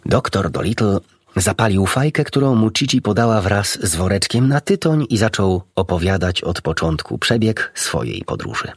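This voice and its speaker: Low, husky male storybook narrator. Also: very animated, normal speed, dry recording, clean studio sound. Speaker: audiobook narrator.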